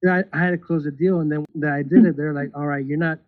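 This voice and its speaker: A man in his thirties talks casually as a podcast guest, restarting hesitantly and laughing nervously. His fairly high voice stays steady and quick, with no room sound, over tinny, phone-like call audio.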